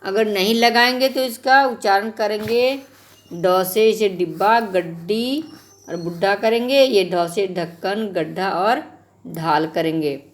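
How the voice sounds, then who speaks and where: A middle-aged woman teaching a grammar lesson to schoolchildren. She talks slowly and explains each point step by step, speaking to the children directly. Her pitch sits in an ordinary middle range. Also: a little hiss or hum.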